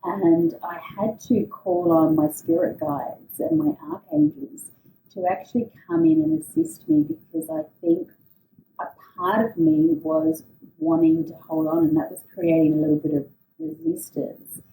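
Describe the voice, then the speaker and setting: A woman giving an unscripted personal monologue in a hesitant, reflective way, often pausing mid-phrase. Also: lowish voice, very animated, gravelly, warm tone. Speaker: podcast host telling a personal story. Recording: roomy echo, distant mic, faint noise.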